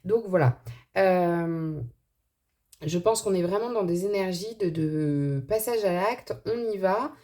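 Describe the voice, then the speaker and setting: Lower-pitched woman with a slight lisp. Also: takes it slowly, dark tone. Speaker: tarot and angel card reader. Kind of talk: informal spiritual card reading to camera.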